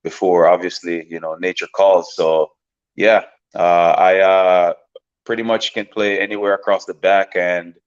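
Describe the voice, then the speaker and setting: Speaking a little slowly in a very low, clear and resonant voice, a man in his thirties from Jamaica chats as a guest in a casual interview. He is a professional soccer player who rambles easily, looping back with many fillers and repeated words, and the audio is a little dull and lo-fi.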